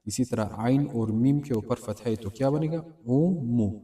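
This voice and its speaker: Patient man teaching letters, dark voice. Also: mid-range voice, far from the mic. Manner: patient, asks and answers his own questions. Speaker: Quran recitation teacher. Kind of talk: step-by-step reading lesson.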